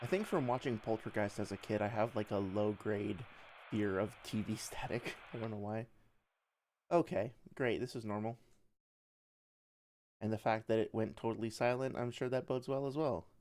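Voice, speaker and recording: A man's voice: lowish voice, moderate pace, a little mellow. A man casually commentating on a game he plays live, with thoughtful, analytical asides like a developer. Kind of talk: casual livestream gameplay commentary. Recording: clear background noise.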